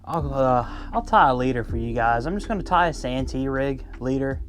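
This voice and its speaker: A man's voice: medium pitch, lively intonation, normal speed, soft background music. A man talking casually to viewers from his boat, explaining step by step how he ties a fishing rig, with plenty of ums and restarts. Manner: chatty, lots of ums and restarts, addresses viewers as guys. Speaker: fishing vlogger. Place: on a boat on a river. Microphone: first-person camera.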